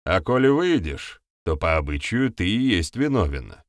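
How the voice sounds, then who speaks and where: A man's voice: low voice, very animated, normal speed, no echo, studio quality. A man voicing a nervous, lying male villager who whines and protests shrilly. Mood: sly.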